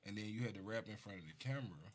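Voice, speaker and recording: A rapper from Mississippi, speaking with a Southern US accent in a fairly low, racing voice, casually tells stories while being interviewed as a guest on a talk show.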